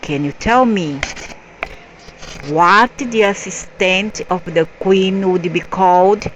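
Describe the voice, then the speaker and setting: Woman, story reader, halting delivery, spells words letter by letter, unhurried. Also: mid-range voice, a little hiss or hum, low-quality recording. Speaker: narrator. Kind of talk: reading a story aloud.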